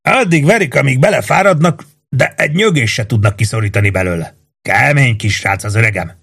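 A man's voice: mid-range voice, creaky, a bit bright, husky, pitched above the performer's own voice. A man voicing a wiry young male prisoner who whispers conspiratorially, grins and chuckles as he talks. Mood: sly whisper. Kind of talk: audiobook character voice.

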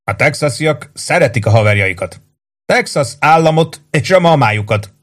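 A man's voice: a little high, expressive, fairly bright tone, voice pushed up. A man voicing a sly, boisterous army sergeant who mocks and needles his friend over drinks. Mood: mocking. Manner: mocking, needling.

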